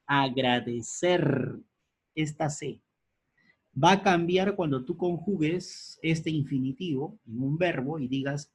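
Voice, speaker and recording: A man teaching a grammar lesson at a board, spelling out letters and repeating key words deliberately. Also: on the high side, a little mellow, breathy edge.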